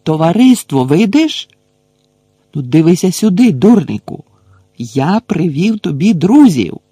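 A hulking, soft-hearted half-giant, as a male narrator puts him on, calling out loudly in a raised, gravelly voice. He coaxes and scolds in homely, folksy speech. It is a storybook reading in a dry, close sound. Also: on the high side, very animated, measured pace, dry recording, pitched above the performer's own voice, exaggerated voice. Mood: shouting. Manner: loud coaxing shouts, folksy speech. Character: huge gentle half-giant man, gruff, fussing.

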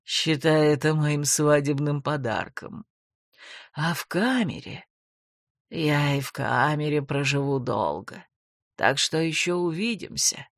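A woman voicing a calm, creepy male cult leader with a creaky, low, slow voice. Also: no echo, studio quality. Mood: mocking.

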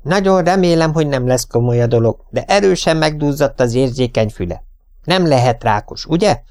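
A man's voice: medium pitch, expressive, a little mellow, voice pushed up, close to an everyday voice. A man voicing a stern, curt retired woman teacher who talks in a commanding, clipped way. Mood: brisk concern.

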